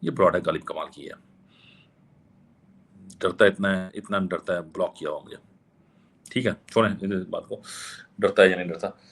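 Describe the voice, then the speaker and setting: A commentator rebutting atheists speaks in a low, gravelly, slightly bright voice at a moderate pace, keeping a steady tone with long pauses. Hoarse from a sore throat and clearing his throat, he delivers a questioning, challenging argumentative monologue, repeating himself and returning again and again to the same question.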